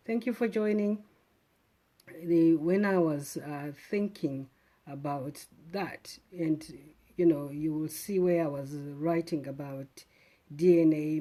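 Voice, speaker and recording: A middle-aged woman talks to her live-stream viewers in a low, mellow voice. She speaks in a thoughtful, unhurried way, often pausing on "um" and "uh" and restarting sentences. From Zimbabwe. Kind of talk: casual reflective live stream talk.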